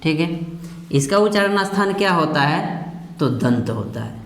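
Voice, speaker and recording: A man teaching a grammar lesson with a Bihar Hindi accent, speaking slowly and repeating himself, asking questions and then answering them. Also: fairly high pitch, animated, fairly bright tone. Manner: slow and repetitive, asks questions and answers them, says "ठीक है" often. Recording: echoey room with long reverb.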